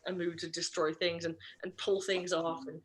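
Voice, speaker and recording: In her online puppy class, a woman dog trainer speaks at normal speed with a level tone. She's talkative and self-correcting, with the odd dip into a playful high voice.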